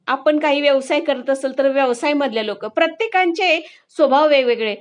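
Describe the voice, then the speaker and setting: High-voiced woman giving life advice. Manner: warm, conversational, addresses listeners directly. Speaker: vlogger addressing women friends. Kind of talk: casual motivational storytelling.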